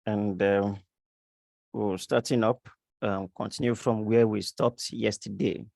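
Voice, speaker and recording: Male online instructor, sore throat, slow delivery full of fillers, gravelly voice. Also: fairly low pitch, steady tone, a little mellow, no echo. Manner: slow, halting, many fillers. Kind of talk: live online class lecture. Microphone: computer mic on a video call.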